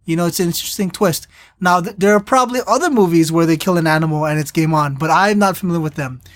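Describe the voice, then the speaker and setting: A podcast co-host in casual chat, recapping a movie in a rambling, animated way and acting out the characters' lines. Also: medium pitch, fast talker, no room sound. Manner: animated storyteller, acts out quotes; rambling with restarts.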